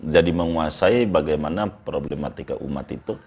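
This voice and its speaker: An older man, an Islamic scholar, explaining at length in a relaxed interview and reciting Arabic text aloud. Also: a bass voice, moderate pace.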